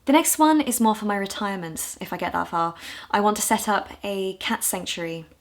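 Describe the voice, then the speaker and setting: A woman from the UK in her twenties, talking candidly and with self-deprecating humor in a casual vlog, her voice a little hoarse. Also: mid-range voice, a little fast. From United Kingdom. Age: 20s. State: hoarse, low on voice. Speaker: vlogger.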